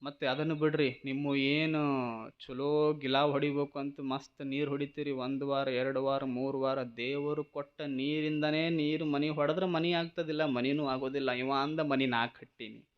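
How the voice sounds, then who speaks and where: A preacher man with a North Karnataka accent tells his sermon as a lively story, teasing his listeners with question after question. His voice sits a bit high, and the recording is dull and lo-fi. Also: moderate pace. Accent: North Karnataka Kannada. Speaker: spiritual preacher.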